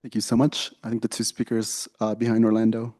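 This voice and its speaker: A man chairing a student council meeting, calling speakers in a relaxed, procedural way. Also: lowish voice, a little fast.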